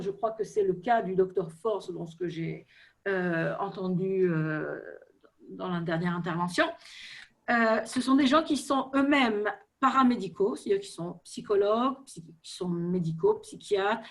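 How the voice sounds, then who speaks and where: A woman speaks French as a second language with a foreign accent. She explains things unscripted in an online meeting, at a medium pitch, pausing to hunt for words and adding small tags to check she is understood. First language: not French. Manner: hesitant, searching for words, seeking agreement with tags. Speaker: therapeutic riding professional on a panel. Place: web video meeting.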